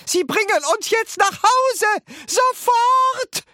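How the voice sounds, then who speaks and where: A storybook reader voicing a furious old grandmother who screeches her lines in a shrill, strained voice. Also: takes it slowly, bright, forceful tone, no echo, clean studio sound, full character voice. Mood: shrieking.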